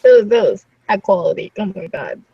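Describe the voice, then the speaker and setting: A woman's voice: mid-range voice, sing-song, moderate pace, vocal fry, heavy background noise. Woman echoing through a second device. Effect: echo of her own voice from a second device. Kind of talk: casual group chat on a voice call. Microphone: voice call. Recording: dull lo-fi call audio with echo from far.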